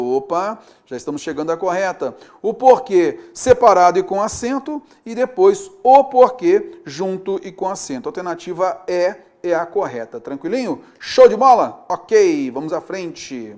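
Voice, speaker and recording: Male teacher with a high, lively voice, talks through exercises and checks in often. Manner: chatty teacher with frequent checks like "tá ok?" and "beleza?". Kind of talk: recorded grammar lesson.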